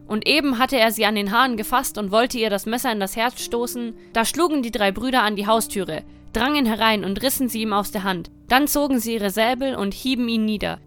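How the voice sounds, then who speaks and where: A woman reads a dark fairy tale in a measured, dramatic way. Her voice sits fairly high, and soft music plays quietly under the narration. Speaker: storyteller.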